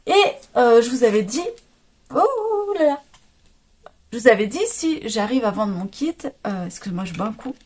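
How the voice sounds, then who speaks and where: A woman's voice: on the high side, fairly quick, few pauses, a little mellow, husky. A woman with a French accent chatting casually at home about her knitting, rambling and laughing often. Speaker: knitting vlogger. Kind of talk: casual chat.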